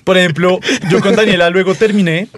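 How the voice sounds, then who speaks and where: Fast-talking young Colombian man telling a story. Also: sits high, slight background noise. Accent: Bogotá Colombian. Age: 20s. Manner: swears casually, animated storytelling. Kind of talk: casual storytelling chat.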